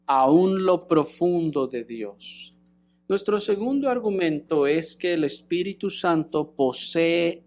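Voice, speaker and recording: Guy preaching a sermon, slow and teacherly, keeps asking the crowd questions. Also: on the high side, darkish tone. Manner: teaching, asks the congregation rhetorical questions. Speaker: pastor.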